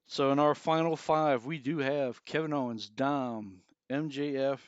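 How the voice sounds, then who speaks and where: A man's voice: mid-range voice, measured pace, clean tone, dry recording. A man co-hosting a podcast, casually narrating an imagined match. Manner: storytelling, acts out wrestler quotes. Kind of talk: casual chat. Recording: slightly dull lo-fi sound.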